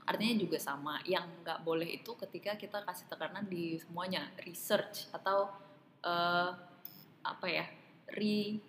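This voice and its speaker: A woman with a somewhat low voice talks through examples in a relaxed podcast chat, laughing easily and slowing down to model words. The room is echoey with a long reverb tail. A faint hiss sits under her voice. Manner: explanatory, laughs often, slows to model English words. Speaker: guest explaining English mistakes.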